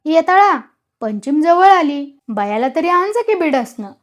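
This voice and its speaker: A woman's voice: high-pitched, big pitch swings, measured pace, pitched above the performer's own voice. A woman voicing a nagging old village mother. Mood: coaxing. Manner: nagging, pleading.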